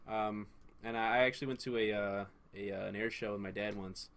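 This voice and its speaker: Fast-talking young man, rambling storyteller. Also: fairly low pitch, fairly even intonation, fairly bright tone. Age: young adult. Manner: rambling, self-deprecating storyteller. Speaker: guest. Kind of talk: casual chat.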